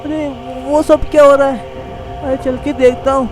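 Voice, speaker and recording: A shrill, whiny little boy , voiced by a man, in a fan game role-play. He yelps and frets at every turn, his voice pitched high. Music plays steadily underneath. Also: level tone, moderate pace. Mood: panicked. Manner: whiny, panicky cries of "arey". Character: small mischievous boy, scared and sulky.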